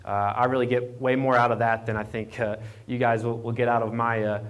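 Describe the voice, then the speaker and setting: This double-mic'd guest speaker, an economic development program manager from Appalachian Virginia, talks fairly quickly in a flat, medium-pitched voice with a clean tone. He presents informally to a live audience away from the podium, repeating words and restarting often.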